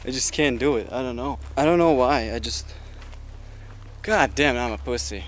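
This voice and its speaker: Walking outdoors in the woods on a solo exploration vlog, a young man with a mid-range voice talks to the handheld camera he holds at arm's length. He's hesitant and nervous, cursing as he goes, over plenty of outdoor noise.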